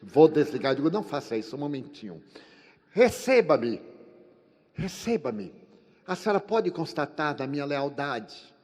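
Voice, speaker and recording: An older man from Brazil giving a spiritist lecture, telling a personal story and acting out the dialogue with sweeping changes in pitch and loudness. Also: very animated, normal speed. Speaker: spiritist speaker. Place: lecture hall at a congress. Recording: long hall reverb from a live congress.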